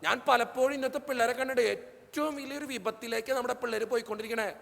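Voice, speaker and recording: A priest gives a lively, joking talk to young people, slipping into the voices of the people in his stories. His voice sits very high for a man and has a gravelly edge. It rings with a long reverb, as if across a big hall. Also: fast talker. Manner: animated storytelling, acting out the people he quotes.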